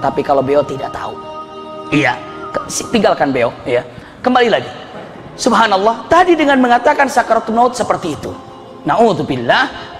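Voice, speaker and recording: Animated high-voiced male preacher in hall. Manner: animated, jumps high in pitch for emphasis, laughs often. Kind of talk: lively sermon with stories. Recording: reverberant hall with faint music.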